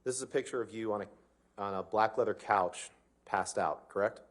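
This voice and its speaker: A man's voice: lowish voice, fairly quick. A man cross-examining a witness, heard through a courtroom recording, firing pointed leading questions. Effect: courtroom recording played back.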